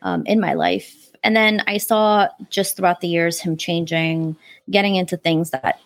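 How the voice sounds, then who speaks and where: A woman in her forties, born in Afghanistan and raised in New York City, shares her personal story in conversation as a podcast guest. Her voice is on the low side, animated and a little slow, recorded dry. She's earnest and reflective, using religious phrases and frequent fillers.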